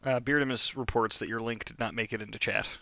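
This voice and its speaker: Podcast guy, bright sharp voice, dry muffled mic, swears a lot. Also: lowish voice, steady tone, quick pace, creaky, dry recording. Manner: dry, profane joking. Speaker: podcast co-host. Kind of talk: casual chat.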